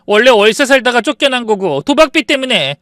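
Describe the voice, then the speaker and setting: Man voicing an icy, shouting young wife. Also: very high-pitched, sing-song, fairly quick, no echo, studio quality, pitched above the performer's own voice, heavily acted. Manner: cold and cutting, rising to shouts. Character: furious young wife confronting deceitful in-laws.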